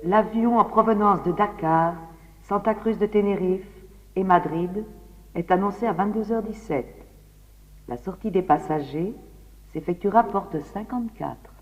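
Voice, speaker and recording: A woman doing a formal airport announcer over the loudspeaker. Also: medium pitch. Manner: formal, measured, official. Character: adult female airport announcer, formal and even. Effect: airport public-address loudspeaker. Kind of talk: scripted public announcement for a language lesson. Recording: dull, long-reverb loudspeaker sound.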